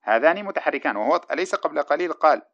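Male teacher, quick explanatory lecture delivery, muffled old recording. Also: a little high, animated, gravelly, fairly bright tone. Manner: brisk, explanatory, reads and comments on the text. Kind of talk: classroom lecture explaining a grammar text. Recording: dull lo-fi recording.

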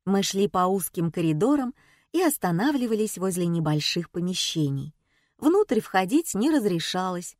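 A woman narrating an audiobook in the first person, with an even, wry telling. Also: lowish voice, normal speed, no room sound, studio quality.

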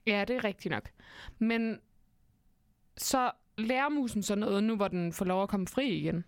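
A woman's voice: medium pitch, dry recording, studio quality. Curious woman co-host. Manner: asks questions, agreeable. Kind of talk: casual chat about a story.

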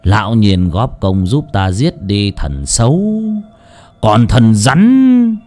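A man's voice: lowish voice, very animated, takes it slowly, mellow. A man voicing a cruel, greedy old village chief who sneers in mock-sweet tones and gloats over his killings. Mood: gloating.

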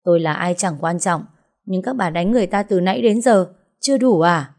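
A woman's voice: on the low side, fairly quick, darkish tone, natural voice. A woman narrator voicing a young woman who pretends to be stern to break up a fight. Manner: firm, mock-stern. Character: young woman storyteller stepping in, feigning authority. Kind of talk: audiobook story reading.

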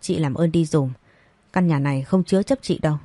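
A woman's voice: sits low, fairly quick, warm tone, dry recording. A woman voicing a young sister-in-law in an audio story, speaking in a curt, dismissive way. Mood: scornful.

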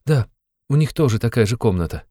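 A man's voice: medium pitch, lively intonation, fairly quick, dark tone, no room sound, clean studio sound, pitched above the performer's own voice, natural voice. A man voicing a frightened, timid young woman who speaks in a plaintive, trembling way.

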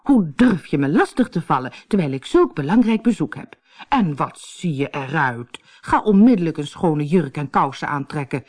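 A woman's voice: deep voice, very animated, darkish tone, husky, heavily acted. A woman voicing a proud, fussy mother witch who speaks sternly in a storybook reading. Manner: stern, hurried.

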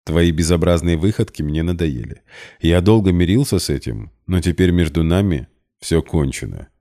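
A man's voice: low voice, dark tone. A man voicing a weary wealthy man who speaks coldly and curtly. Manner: cold, curt, measured. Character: cold, weary wealthy man, dry and curt.

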